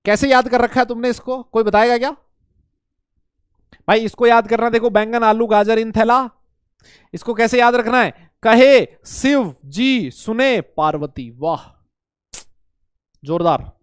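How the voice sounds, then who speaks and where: A man teaching chemistry to students in a lively lecture, asking questions and answering them himself, with playful memory tricks. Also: very high voice, unhurried, long pauses, clear, resonant tone, no echo, studio quality. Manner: voices imagined student questions.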